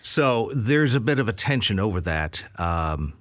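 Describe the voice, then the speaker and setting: A man with a low voice chats in an easygoing, hesitant way, stopping on fillers as he thinks. The recording is dry and close to the mic. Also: very animated, unhurried, a bit bright, dry recording. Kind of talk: casual conversation.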